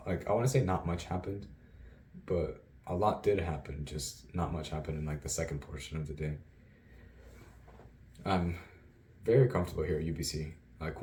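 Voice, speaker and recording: A man's voice: deep voice, dark tone, a little hiss or hum. A young man, a university student, telling his day in a rambling, self-amused diary vlog, laughing often. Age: young adult. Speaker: student vlogger.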